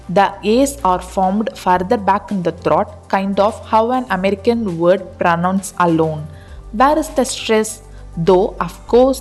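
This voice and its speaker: A woman narrating a pronunciation explainer in an even, read-aloud delivery. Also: mid-range voice. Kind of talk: scripted narration of an article.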